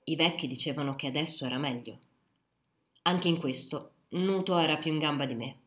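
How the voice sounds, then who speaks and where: A woman narrating a literary novel in a calm, measured audiobook reading. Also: deep voice. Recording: roomy echo.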